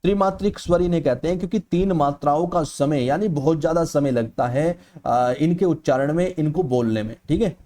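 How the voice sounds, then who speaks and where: A man teaches an exam-prep lecture with a mellow, relaxed tone and a slightly raised pitch for a man. He explains step by step, checks in with his students again and again, and draws out vowels to show how they sound. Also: brisk, few pauses. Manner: explanatory, repeats "ठीक है" often; stretches vowels aloud to demonstrate.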